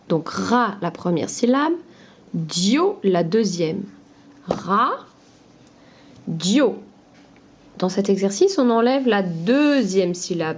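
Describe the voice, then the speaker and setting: A woman teaching a phonics lesson to young children, talking slowly and patiently in a sing-song voice. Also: medium pitch, a little mellow, highs cut off.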